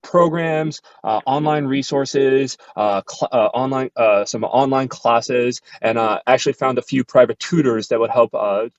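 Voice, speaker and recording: A man explaining his grant plans on a video call, halting often with many fillers and restarts. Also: medium pitch, no room sound, muffled recording. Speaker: grant finalist.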